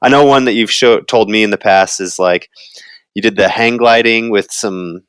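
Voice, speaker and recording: A man's voice: on the low side, moderate pace, fairly bright tone, clear, resonant tone, no room sound. A man hosting a podcast interview, politely steering his guest and keeping an eye on the time. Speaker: podcast host. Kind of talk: casual interview.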